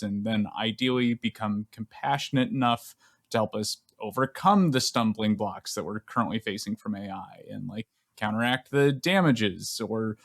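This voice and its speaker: A man who is a podcast producer, earnestly setting up a long question for a guest with some fillers. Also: mid-range voice. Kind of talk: reading a prepared question.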